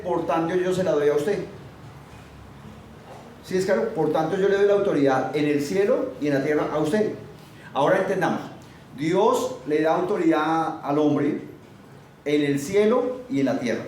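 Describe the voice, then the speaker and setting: A man's voice: a little high, normal speed, a little mellow. A man preaching a sermon emphatically, firing rhetorical questions at his listeners. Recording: very echoey, far from the mic, faint noise.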